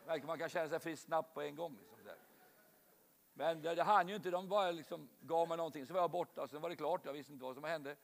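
A man's voice: fairly high pitch, vocal fry, long reverb tail, a little hiss or hum. A man preaching a sermon, telling stories and addressing the congregation directly.

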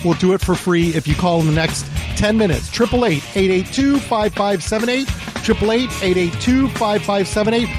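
A man hosting a radio show delivers a promotional infomercial pitch, urging listeners to phone in. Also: moderate pace, music in the background.

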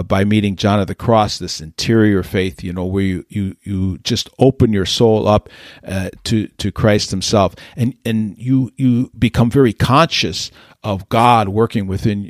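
A man's voice: fairly low pitch, no echo, clean studio sound. A man hosting a religious podcast, speaking emphatically in a preachy manner with frequent restarts and fillers. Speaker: podcast host.

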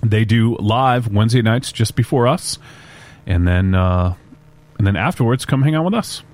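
A man's voice: fairly low pitch, normal speed, darkish tone. A man hosting a podcast in a casual, informal, bro-like way, swearing freely. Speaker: podcast host. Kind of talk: casual chat.

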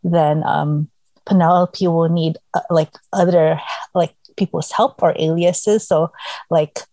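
A woman's voice: lowish voice, steady tone, slow, mellow, dry recording. A woman co-hosting a casual fan chat, musing hesitantly with many fillers. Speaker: podcast co-host.

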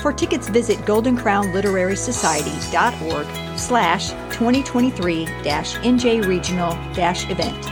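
A woman hosting a podcast in a mid-pitched voice. She reads event details and a sign-off in a friendly way, with clear music playing underneath. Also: animated, normal speed, hardly any pauses. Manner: warm laughing banter, then scripted announcements. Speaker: podcast host. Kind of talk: casual podcast chat and sign-off.

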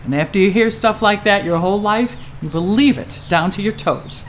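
In a scripted two-person stage comedy-drama, an actress plays a lonely, sluggish older woman who grumbles and cracks jokes at her own expense. Her voice is medium in pitch with a moderate pace, lightly acted, over a bit of hiss or hum. The mood is downcast and wry, the delivery self-mocking.

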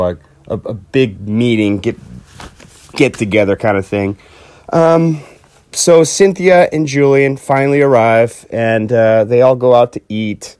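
A man's voice: medium pitch, a little mellow, smooth, dry recording. Rambling casual male storyteller, dry sound. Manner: rambling, lots of fillers and restarts, acts out quotes. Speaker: podcast host.

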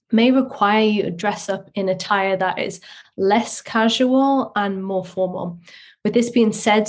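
A woman hosting a solo podcast, explaining things in a casual, chatty way through a poor microphone with low-quality audio. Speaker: podcast host. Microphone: faulty microphone.

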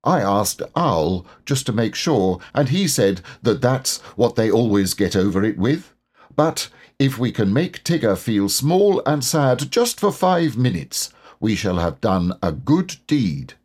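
A man's voice: mid-range voice, very animated, measured pace, darkish tone, husky. A man voicing a bossy, self-important rabbit in a storybook, explaining things in a pompous and earnest manner. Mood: self-assured.

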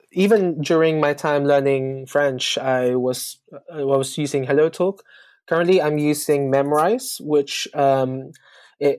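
A man in a casual chat about learning languages, talking with many pauses, ums and restarts. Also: a little high, darkish tone, no room sound. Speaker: guest on a language-learning discussion.

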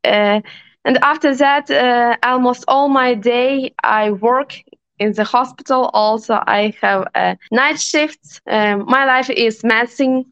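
Young Ukrainian woman, halting English. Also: on the high side, a bit bright, clean tone, dry recording. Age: 20s. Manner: halting non-native English with frequent "uh" pauses. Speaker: guest. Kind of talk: podcast interview.

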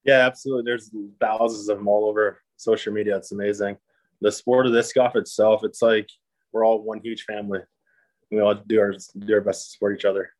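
Low, flat-voiced man chatting casually. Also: no room sound, low-quality recording. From Japan. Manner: easygoing, upbeat, many "um" pauses. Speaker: podcast guest, disc golf player. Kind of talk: casual interview chat.

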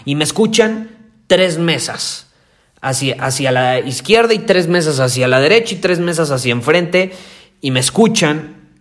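A man with a Mexican accent hosting a podcast, talking loudly and intensely and repeating his key points for emphasis. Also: on the high side, expressive, unhurried. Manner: loud, intense delivery. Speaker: podcast host. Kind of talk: motivational podcast monologue.

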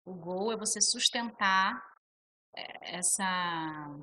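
Bright Brazilian woman, animated storyteller. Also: mid-range voice, slow. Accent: Brazilian Portuguese. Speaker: musical theatre actress. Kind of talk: podcast interview storytelling.

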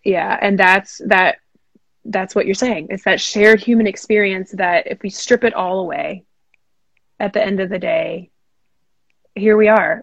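Woman podcast host, fry in her voice, affirming interviewer, dull lo-fi recording. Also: mid-range voice, no echo. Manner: encouraging, affirming listener. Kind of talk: casual interview chat.

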